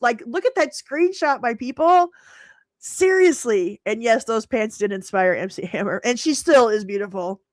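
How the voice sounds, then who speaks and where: A woman's voice: fairly high pitch, expressive, moderate pace, few pauses, no room sound, clean studio sound. A middle-aged woman hosting a live stream, chatting casually, laughing often and answering viewers by name.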